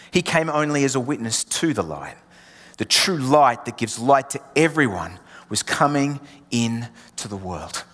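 Here a male pastor, English by birth but Australian in accent, delivers a sermon built on forceful repeated refrains that occasionally fall to a near whisper. He has a fairly high, fairly bright voice, heard through long hall reverb.

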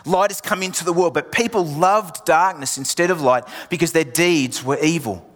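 A pastor's sermon, delivered by an England-born man with an Australian accent, leans on emphatic repeated lines that sometimes quiet to almost a whisper. His pitch is a little high and his speed normal. The sound carries a long hall reverb.

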